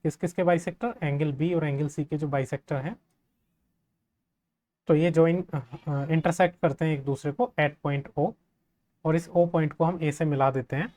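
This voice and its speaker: A man's voice: on the high side, fairly even intonation, mellow. Male tutor, friendly and conversational, explains a proof step by step with frequent "right?" check-ins. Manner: friendly, asks the class quick checking questions. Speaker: maths teacher. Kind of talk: step-by-step geometry lesson.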